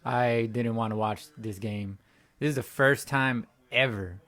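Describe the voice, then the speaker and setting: A young sports fan channel host vents at home in a post-game reaction rant, rambling and repeating himself in frustration as his voice cracks. Soft music plays behind his slightly slow, somewhat bright mid-range voice.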